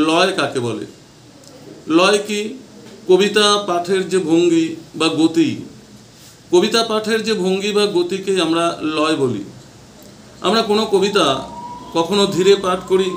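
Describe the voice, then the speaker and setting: A man's voice: fairly high pitch, fairly bright tone, reverberant, slight background noise. A male tutor giving an exam-prep lecture, repeating definitions and stressing key terms.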